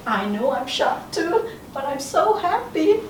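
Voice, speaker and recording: A woman's voice: high voice, very animated, pitched above the performer's own voice. Giddy newly engaged hostess, read by a woman student; bubbly, sing-song, recorded from far off in a noisy room. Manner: bubbly, rushed line reading. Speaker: acting student. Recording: roomy classroom audio from far off, noisy.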